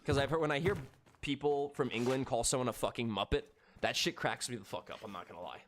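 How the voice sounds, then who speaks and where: A man's voice: mid-range voice, fast, a bit bright, a little hiss or hum. A man in his thirties chatting casually with viewers during a live game stream, laid-back and profane. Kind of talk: casual live-stream chat while gaming.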